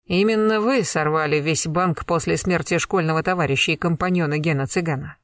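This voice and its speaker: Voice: medium pitch, fairly quick, a bit bright, close to an everyday voice. A reader voicing a stern former colonel who interrogates a suspect relentlessly in an audiobook. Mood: accusing. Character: stern commanding male investigator, a former colonel. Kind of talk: audiobook character reading.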